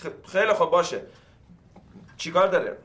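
An actor playing a scheming male lawyer caught between two women, who talks fast to persuade and plead. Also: high-pitched, animated, a bit bright. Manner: pleading, quick-talking, persuasive. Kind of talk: TV drama acting.

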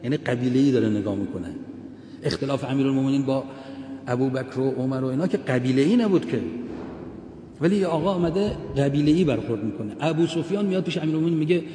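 A man delivers a religious history talk, telling it as a story and stressing the quoted lines. His voice is mellow and dark-toned. It echoes through a large hall with a faint hum of room noise behind. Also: mid-range voice. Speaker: religious lecturer.

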